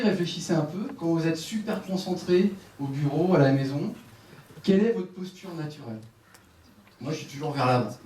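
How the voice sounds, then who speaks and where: A man with a fairly high voice lectures a live audience on a headset mic, giving quick instructions and teasing people in the room. The sound is echoey and a little distant, with faint room noise behind him. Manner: lively, directive, joking with audience. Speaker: sports conference speaker. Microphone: headset microphone.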